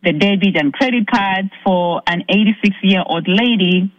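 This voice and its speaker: A woman from Zambia calling in to a talk show, earnestly telling her story with halting restarts. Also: medium pitch, no room sound, dull audio. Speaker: caller. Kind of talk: recounting a personal ordeal on a call-in show.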